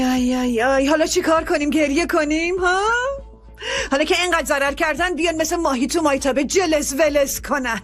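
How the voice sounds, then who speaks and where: A woman's voice: high voice, natural voice. A middle-aged woman dubbing a controlling, scheming mother in a TV drama, commanding and sarcastic. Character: domineering scheming wealthy mother, sharp-tongued landowner. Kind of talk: dubbed TV drama.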